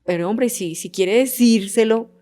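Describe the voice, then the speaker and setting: A woman's voice: a little high, measured pace, dark tone. Woman co-hosting church talk. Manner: explains with example phrases. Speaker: couples ministry co-host.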